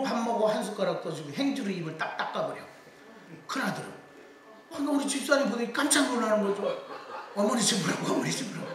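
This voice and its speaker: A middle-aged man lecturing on public speaking, telling stories and quoting people's voices as he goes. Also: high voice. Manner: lively storytelling with quoted voices. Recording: echoey hall, voice from far off.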